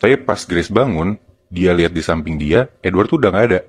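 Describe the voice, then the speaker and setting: Low-voiced Jakarta man telling horror stories. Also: animated, a little fast, husky. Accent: Jakarta Indonesian. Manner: colloquial, step-by-step narration. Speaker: podcast storyteller. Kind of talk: casual horror storytelling to friends.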